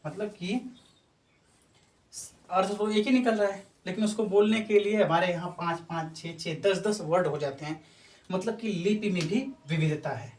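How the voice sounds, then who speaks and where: A man's voice: high-pitched, moderate pace, darkish tone. Guy teaching an exam prep class, says every example over and over, echoey room, sounds far from the mic, bit of hiss. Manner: explanatory, repeats examples and asks "ठीक है".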